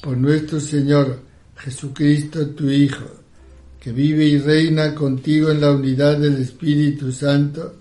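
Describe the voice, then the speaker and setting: A man leading a liturgical prayer in a solemn, measured recitation. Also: a little high, little pitch movement, warm tone.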